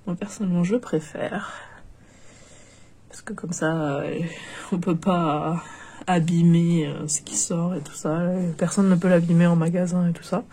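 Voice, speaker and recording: This is casual unboxing commentary: a young woman with a stuffy, nasal cold hesitantly talks through opening a doll, restarting often and using many fillers. She speaks a bit slowly in a lowish, mellow voice with fairly even intonation, over a slight hiss or hum.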